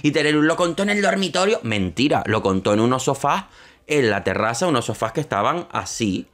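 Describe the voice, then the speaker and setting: A young man, giving opinionated, sarcastic commentary on a reality show and slipping into quick impressions of the people on it. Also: mid-range voice, very animated, fairly bright tone. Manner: sarcastic, opinionated, mocking asides; quick shifts into quoting others. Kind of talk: casual commentary.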